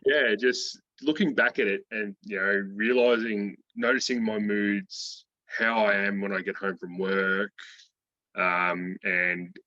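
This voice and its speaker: Bright-voiced Kiwi man, lo-fi audio. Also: fairly low pitch, little pitch movement, takes it slowly, no room sound. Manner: laid-back slangy speech, uses "dude" and "mate". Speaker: interviewee, programme graduate. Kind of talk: casual interview testimonial. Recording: dull lo-fi call audio.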